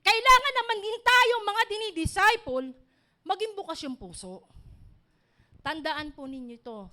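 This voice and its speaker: Woman pastor, high voice, bright tone, animated sermon with personal stories. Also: moderate pace.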